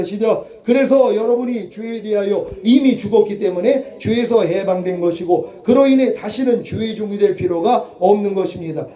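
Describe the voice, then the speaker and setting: A male pastor delivers a forceful sermon, asking rhetorical questions and acting out what the congregation might say. His voice sits high but has a mellow, dark tone. The sound rings around an echoey church hall. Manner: emphatic, rhetorical questions, acts out quoted voices.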